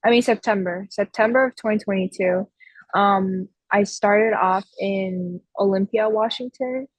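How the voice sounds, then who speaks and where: A young woman from Vietnam, answering interview questions with pauses and self-corrections. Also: medium pitch, steady tone, breathy edge, no echo, rough recording. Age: young adult.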